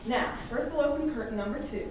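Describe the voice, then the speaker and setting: Actress doing brash wisecracking housewife in a stage play, high voice, big and emphatic, super echoey. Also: female voice, quick pace, lightly acted. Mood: gleeful, mocking. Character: brash sardonic small-town housewife, game-show addict, harried mother. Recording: echoey room, far microphone, faint noise.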